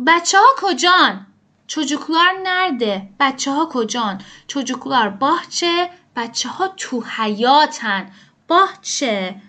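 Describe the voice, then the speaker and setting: A woman with a high, bright voice teaches a grammar lesson one step at a time. She patiently asks questions aloud and then answers them herself, explaining each rule as she goes. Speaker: language teacher.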